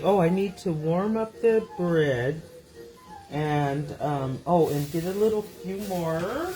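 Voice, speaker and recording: A woman's voice: low-pitched, darkish tone, poor audio. A woman chatting to viewers in her home kitchen as she cooks, rambling and a bit loopy from tiredness. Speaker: small business owner. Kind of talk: casual cooking vlog. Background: sizzling pan and music.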